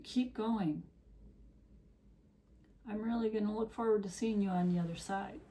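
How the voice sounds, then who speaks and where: A woman's voice: mid-range voice, moderate pace, mellow, slight background noise. Earnest woman giving spiritual encouragement. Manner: earnest, preachy, direct address. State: losing her voice. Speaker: tarot reader.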